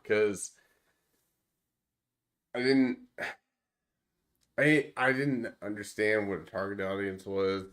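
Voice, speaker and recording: A man's voice: lowish voice, little pitch movement, slow pace, long pauses, a bit bright. A man co-hosting a podcast, talking in a rambling, profane way with many restarts and fillers. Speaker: podcast co-host. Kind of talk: casual chat.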